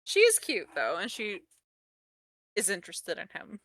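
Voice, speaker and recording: A woman's voice: medium pitch, wildly swooping pitch, measured pace, fairly bright tone, no room sound. A woman narrating her character's reactions in a tabletop game with a wry, playful manner. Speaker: player.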